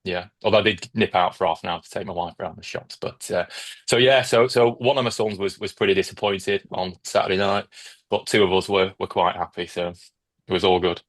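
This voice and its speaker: Deep-voiced, quick-talking middle-aged man. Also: fairly even intonation. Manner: rambling, repeats filler words. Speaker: podcast co-host. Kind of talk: casual chat.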